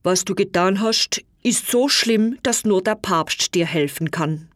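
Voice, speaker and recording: A woman voicing solemn old churchmen who speak gravely and sorrowfully. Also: medium pitch, a little slow, no room sound, studio quality, natural voice. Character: grave old churchmen, priest, bishop and pope.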